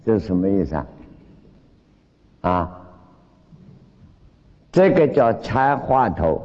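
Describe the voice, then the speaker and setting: A man's voice: fairly low pitch, mellow. A man giving a storytelling Chan Buddhist dharma talk, blunt and plain-spoken, acting out the voices of the people he quotes. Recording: dull lo-fi recording with long hall reverb.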